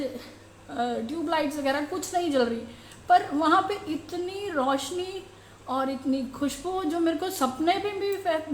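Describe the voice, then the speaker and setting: A middle-aged woman telling the congregation about a devotional dream, slow and halting as she searches for words. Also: high voice, a little hiss or hum. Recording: roomy echo.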